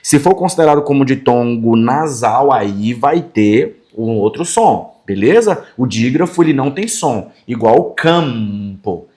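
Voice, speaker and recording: A man with a Brazilian Portuguese accent teaching a grammar lesson, sounding out words slowly and checking in with students every few phrases. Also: medium pitch, lively intonation, mellow. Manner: friendly, checks in often with quick tags like "fechou?" and "tá?"; sounds out words slowly and repeats them for emphasis.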